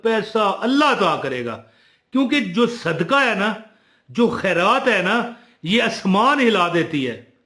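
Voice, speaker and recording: A man telling a religious story, animated, moving between loud emphasis and quiet asides. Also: sits high, echoey room.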